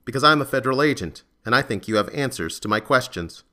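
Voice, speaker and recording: A man's voice: mid-range voice, normal speed, a bit bright, natural voice. A man reading a curt, cutting woman agent. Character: blunt, clipped woman federal agent.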